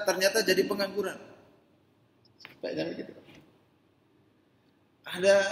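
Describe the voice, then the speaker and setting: Preacher in an echoey mosque hall. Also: male voice, high voice. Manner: conversational, asks the men in the congregation questions directly; swings between quiet asides and loud emphatic rises. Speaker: ustadz preacher. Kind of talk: mosque sermon.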